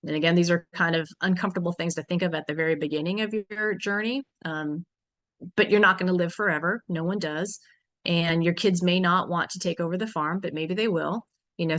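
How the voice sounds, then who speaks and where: A woman with a fairly low voice leads a farm business workshop. She talks frankly and casually, full of fillers and restarts as she explains her points. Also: creaky, fairly bright tone. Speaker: workshop instructor. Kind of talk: conversational farm business lesson.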